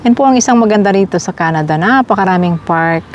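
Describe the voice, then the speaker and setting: Chatty Filipina vlogger in a park. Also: female voice, mid-range voice, lively intonation, quick pace, muffled recording, slight background noise. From Philippines. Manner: chatty, addresses viewers as guys. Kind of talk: casual walking vlog. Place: outdoors in a park.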